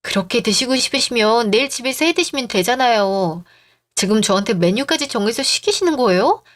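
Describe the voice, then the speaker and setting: Female story narrator, firm and pointed, slightly high voice. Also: lively intonation, brisk. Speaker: story narrator and wife character.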